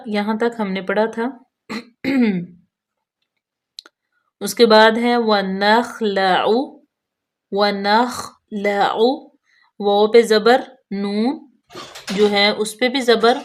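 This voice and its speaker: Woman teaching slow careful recitation. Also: mid-range voice, fairly even intonation. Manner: slow drawn-out recitation alternating with quick explanations. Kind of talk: tajweed lesson, letter by letter.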